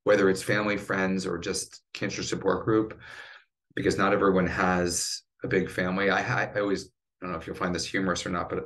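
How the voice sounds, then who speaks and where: Casting note: middle-aged male survivor, very low voice, earnest and emotional, driven tone. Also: flat delivery, fairly quick, a bit bright. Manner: earnest, choked up at times. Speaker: cancer survivor and patient advocate. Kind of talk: emotional podcast interview.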